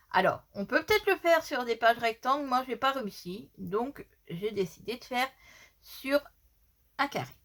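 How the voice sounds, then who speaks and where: A woman presents a hands-on craft tutorial in a fairly high voice. She takes her time, explaining each step and going back over it. A slight lisp gives her s sounds a slushy sh edge. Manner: explanatory, repeats measurements and instructions.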